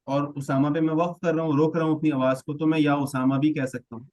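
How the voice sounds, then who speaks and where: A man teaching a classroom grammar lesson in a slightly higher-than-usual voice. He explains patiently and stretches out example words. He keeps checking that his students are following. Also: little pitch movement, darkish tone, poor audio. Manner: patient, checks understanding often.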